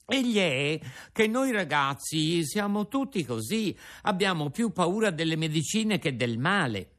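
A man voicing a stubborn, whiny wooden puppet boy in a storybook reading, with shrill, shouted protests. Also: sing-song, a little slow. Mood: cheerful. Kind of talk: audiobook character reading.

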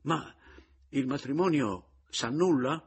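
A man voicing a frantic, jealous husband who stammers in a shrill, agitated voice in a radio reading of a novel. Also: slow pace, husky. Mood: anxious.

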